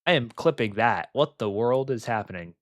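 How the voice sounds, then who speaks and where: A young man doing live play-by-play commentary on an online football game, excitable and rambling, with lots of filler words. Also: medium pitch, moderate pace, dry recording, studio quality.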